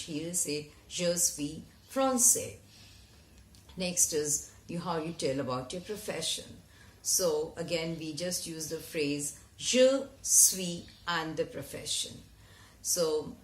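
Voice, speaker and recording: A woman teaching a French lesson, who spells out each phrase slowly and repeats it. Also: lowish voice. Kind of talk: slow, deliberate language lesson. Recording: echoey room.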